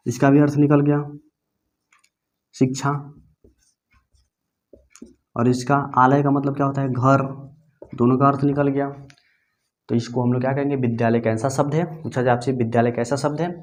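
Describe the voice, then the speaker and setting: A man gives a grammar lesson in an even, mid-pitched voice, the way a teacher talks at the board. He poses a question, then answers it himself, and spells out definitions slowly so they can be copied down. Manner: repeats questions to students and answers them himself; dictates slowly for note-taking.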